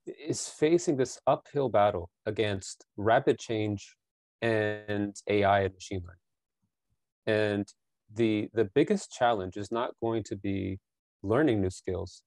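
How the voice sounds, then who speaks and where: A man in his forties with a lowish, slow, slightly mellow voice, recorded dry with no room sound. He's a business founder answering interview questions earnestly over a video call from a small bedroom, wearing an over-ear headset and often repeating words as he thinks.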